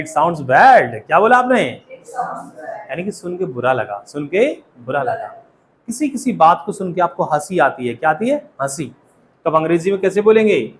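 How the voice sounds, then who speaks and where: High-voiced Indian man teaching a class. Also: a little hiss or hum. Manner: lively, modeling English phrases slowly and asking the class questions. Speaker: English teacher. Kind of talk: classroom lesson.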